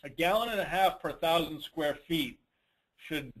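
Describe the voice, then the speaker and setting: The host of a dealer network conference call, a man, answers questions in an informal Q&A, advising in a blunt, colloquial style and repeating points for emphasis. His voice is on the high side and a bit bright, at a measured pace. The rough recording has slight background noise.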